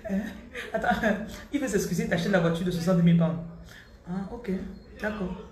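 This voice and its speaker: Animated woman telling her story, roomy sound. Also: lowish voice, normal speed. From Central Africa. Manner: animated, repeats words for emphasis, mixes in English. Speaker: motivational vlogger. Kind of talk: personal storytelling monologue. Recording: roomy with faint background noise.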